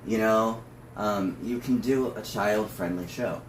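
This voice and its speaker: A man's voice: fairly low pitch, a little slow. A man who is a drag performer, talking casually through notes in a discussion. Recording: roomy, distant mic with faint noise.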